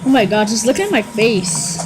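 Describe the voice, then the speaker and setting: A woman giving chatty, excitable gameplay commentary, trash-talking other players as she goes. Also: mid-range voice, normal speed, music in the background, poor audio. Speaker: gamer.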